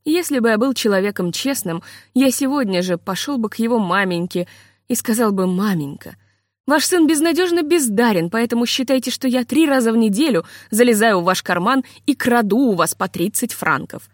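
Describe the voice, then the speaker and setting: Read as a woman voicing a tired, tender middle-aged composer from a storybook. Keep him soft and self-doubting, with a somewhat high, dry, close sound. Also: expressive, moderate pace, no echo. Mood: gloomy. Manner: weary, self-reproaching, pleading. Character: anxious gentle middle-aged male composer.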